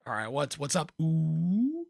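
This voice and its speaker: A man hosting a casual livestream in an informal, playful way, with a slightly hoarse voice and frequent throat clearing. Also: on the high side, wildly swooping pitch, slow pace, a little mellow, dry recording, studio quality. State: slightly hoarse, losing his voice. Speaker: livestream host, crypto commentator. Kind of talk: casual livestream chat, reading and answering viewer comments.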